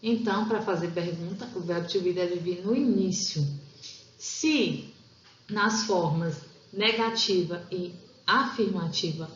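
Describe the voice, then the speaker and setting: A woman who speaks Portuguese presents an English grammar lesson on slides in a lowish voice. She builds the explanation one step at a time and slows down for the example sentences, and the sound is roomy, flat and lo-fi.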